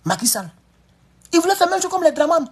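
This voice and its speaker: A man giving excitable, emphatic political commentary on a live stream. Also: very high-pitched, quick pace.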